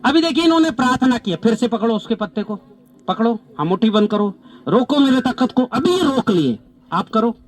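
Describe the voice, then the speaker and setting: Brief: male farming trainer, high and animated voice, outdoor field demo, firm repeated instructions. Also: brisk. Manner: animated, repeats short commands. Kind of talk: live outdoor demonstration with participants. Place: outdoors on farmland under trees.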